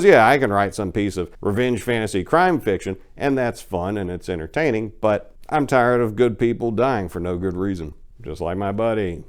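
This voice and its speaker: A man with a lowish, slightly mellow voice reads aloud from his own crime fiction in dramatic fashion. As the show's host, he also addresses listeners in an informal, emphatic, down-home way.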